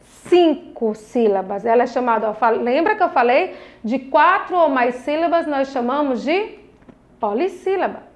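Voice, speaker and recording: Speaking at a normal speed with lively intonation, this young primary school teacher has a high voice and a Brazilian Portuguese accent. She is from Brazil and teaches children in a recorded lesson, patient and encouraging, drawing out every syllable.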